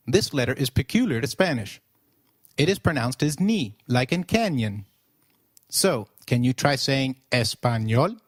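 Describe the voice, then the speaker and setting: A man's voice: mid-range voice, dry recording, clean studio sound. Upbeat man narrating a scripted lesson. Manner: upbeat, slows down to model words. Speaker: language teacher.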